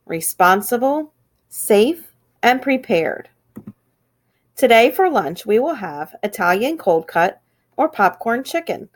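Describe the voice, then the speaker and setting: A woman reading school morning announcements in an upbeat, sing-song way. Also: medium pitch.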